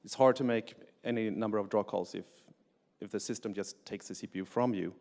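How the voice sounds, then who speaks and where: Brisk and on the low side, with vocal fry and a darkish tone, a middle-aged Swedish man gives a technical conference talk from the stage. As a game engine developer, he explains things plainly but often says "uh" and restarts, while the lecture hall lends a long reverb.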